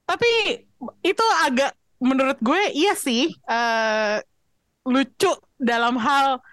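A woman hosting a casual film chat, expressive and chatty, slipping English phrases in. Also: high-pitched, takes it slowly, dry recording. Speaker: podcast host asking questions.

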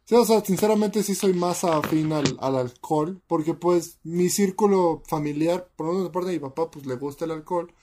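A young man with a Mexican accent answers as a guest in an easygoing chat, weighing his words and hedging as he goes. His voice sits slightly high. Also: mellow, a little hiss or hum. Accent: Mexican Spanish. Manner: measured, hedging, thinks aloud. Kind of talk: casual chat.

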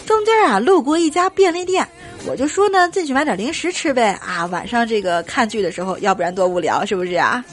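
A young woman performing a stand-up comedy story, animated and trailing her phrases with drawn-out particles. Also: a little high, faint music behind. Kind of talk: comic storytelling monologue.

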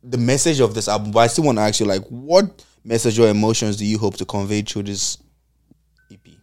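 A man's voice: lowish voice, steady tone, fairly quick, darkish tone. A man with a Nigerian accent hosting a podcast, casually affirming and echoing his guest, sometimes in Pidgin. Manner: affirming, echoes guest's words, uses Pidgin. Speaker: podcast host.

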